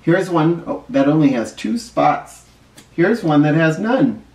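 His voice sits on the high side with big pitch swings, a slightly slow pace and a darkish tone. He's a middle-aged first grade teacher reading a picture book aloud, explaining plainly to young kids and emphasizing key words. A nearby camera captures it with roomy, distant sound.

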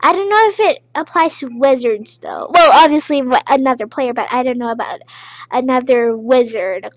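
A woman giving casual, rambling gameplay commentary, with excited outbursts. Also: high voice, moderate pace, no room sound. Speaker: gameplay video creator.

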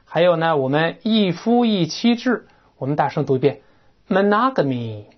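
Chatty English teacher, lively swooping delivery, dull lo-fi recording. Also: medium pitch, moderate pace. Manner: animated, chatty, imitates sounds, often asks "right?". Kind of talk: classroom-style lecture on vocabulary.

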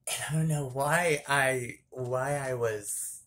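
Man, vlogger, casual storytime, rambling, giggly, mid-pitched, small bathroom. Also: a bit bright.

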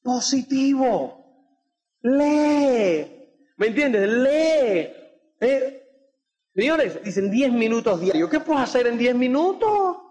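A man with a very high-pitched voice gives a motivational talk to a seated audience. He keeps throwing in quick tag questions to check that his listeners follow. The recording carries the long, lingering reverb of a large hall. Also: very animated, a little mellow. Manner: peppers speech with tag questions like "do you get it?"; acts out quoted dialogue. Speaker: motivational speaker.

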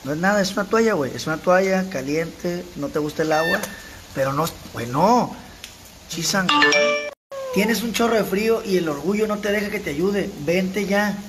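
A young man with a Sinaloan Mexican accent and a sore throat, voice pitched fairly high for a man. He chats crudely and jokingly to stray cats while vlogging at home. A faint hum of ambient noise runs underneath. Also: fairly quick. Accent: Sinaloan Mexican Spanish. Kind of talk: casual vlog chat. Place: house at home during rain.

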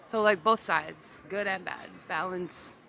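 A woman's voice: lowish voice, vocal fry, bright, forceful tone, a little hiss or hum. A middle-aged woman reflectively answering a street interview outdoors into a handheld mic. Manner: unhurried, reflective. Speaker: passerby interviewee.

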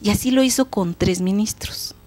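A woman, hosting a show and telling a folk tale in a lively, expressive, casual way. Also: mid-range voice, normal speed. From Mexico. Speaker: storyteller host. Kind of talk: folk tale storytelling for children.

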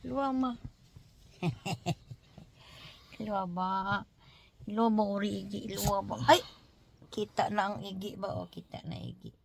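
A woman's voice: mid-range voice, steady tone, slow, vocal fry, long pauses, a little hiss or hum. A woman chatting playfully with her pets at home in a casual home video, often laughing.

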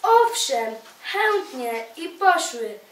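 A woman recites playful rhymed verse in a high, unhurried voice, giving each line a measured, rhythmic lift. She is captured from a distance in an echoey library hall. A faint hum of room ambience sits under her voice. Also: sing-song. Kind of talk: poetry recitation. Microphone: distant room microphone.

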